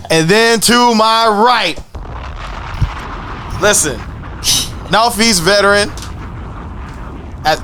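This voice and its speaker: A man's voice: sits high, wildly swooping pitch, drawn-out words, long pauses, background noise. A man hosting a casual podcast interview, upbeat and hyping up his guests. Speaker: podcast host.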